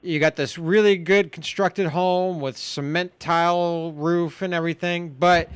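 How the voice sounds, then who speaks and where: A man's voice: on the high side, steady tone, measured pace, clean tone, dry recording. A man hosting a casual interview, cutting in often and stammering as he repeats his words. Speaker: vlogger interviewing own mother.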